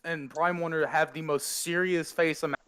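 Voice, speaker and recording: A man's voice: on the high side, fairly even intonation, normal speed, fairly bright tone, clean tone, no room sound, clean studio sound. A man improvising narration as the game master of a tabletop role-playing game.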